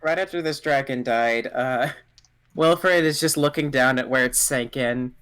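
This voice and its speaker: A player at a tabletop game, chatting casually and describing a character's actions in halting, trailing phrases. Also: medium pitch, a bit bright, smooth.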